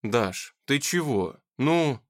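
A man's voice: medium pitch, expressive, very slow, no room sound. A man voicing a sardonic, grumbling young man with a dry, sarcastic manner. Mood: wry.

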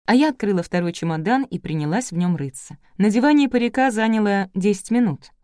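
A woman narrating a first-person audiobook in a lively, wry storytelling manner. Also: mid-range voice, fairly quick, no echo, clean studio sound.

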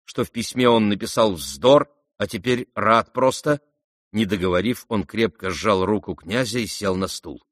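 A male audiobook narrator reads a classic novel in a low voice. His storytelling is measured and steady. The recording is dry, with no room sound. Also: no room sound.

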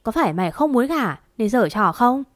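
A woman's voice: on the high side, sing-song, normal speed, dry recording, clean studio sound. A woman narrating a storybook and voicing an older mother, the mistress of a household, who scolds harshly and wails over her son. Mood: scolding. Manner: wailing, scolding.

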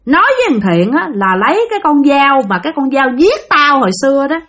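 A woman with a Southern Vietnamese accent voicing a vengeful female ghost who was murdered, with a shrill, piercing voice and bitter, repeated accusations. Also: sing-song, fast talker, a bit bright. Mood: grudging.

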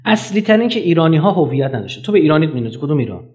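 Brief: man lecturer with a high voice, combative and animated, full of rhetorical questions. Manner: animated, rhetorical questions, sharp jumps in loudness; mocking, argumentative. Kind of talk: public lecture.

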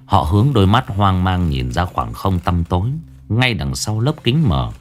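Male horror storyteller, low voice with wide swings, faint music behind. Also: very animated. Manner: dramatic, slow and hushed at tense moments. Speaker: narrator. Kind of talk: scripted horror story narration.

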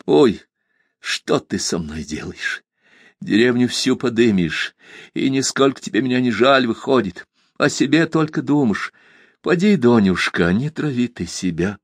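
A man's voice: medium pitch, expressive, a little slow, slightly rough, dry recording, studio quality. A man reading an audiobook, voicing a tearful young village woman who pleads and cries out. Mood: grieving. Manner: pleading, sobbing, rising to cries.

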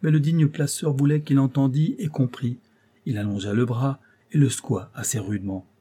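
Male audiobook narrator, measured novel reading, dark mellow husky voice. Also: medium pitch, steady tone. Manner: measured, storytelling.

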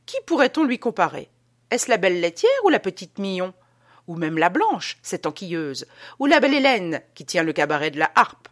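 A woman's voice: lowish voice, big pitch swings, moderate pace. A woman voicing a drunken, exalted man who bellows and sings at a dinner party in an audiobook reading. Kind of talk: audiobook character voice.

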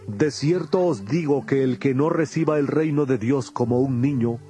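An actor playing Jesus as a grave, patient teacher in a dramatized audio Bible, speaking in a solemn, measured way. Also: male voice, medium pitch, dark tone, faint music behind, lightly acted. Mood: firm, tender. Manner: solemn, deliberate, measured delivery.

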